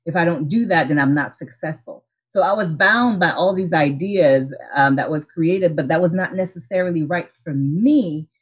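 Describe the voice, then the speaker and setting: A woman's voice: lowish voice, breathy edge. Earnest woman telling her story, lo-fi. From Haiti. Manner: earnest, reflective, with frequent restarts and soft laughs. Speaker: optometrist and practice owner, guest. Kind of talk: casual interview storytelling. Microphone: video call. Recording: lo-fi video call audio.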